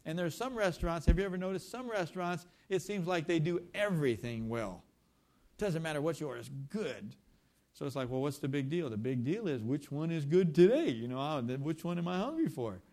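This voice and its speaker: A man preaching a sermon, shifting between scripture and lively storytelling. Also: on the high side, a little fast. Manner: animated storytelling with conversational asides. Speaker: pastor.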